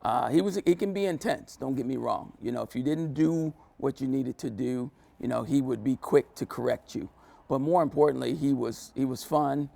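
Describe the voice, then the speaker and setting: A man's voice: medium pitch, normal speed, vocal fry, warm tone, no room sound. A man who once played for the coach, talking earnestly in a sit-down interview and leaning on "you know" as he reflects. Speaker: former player, interview guest.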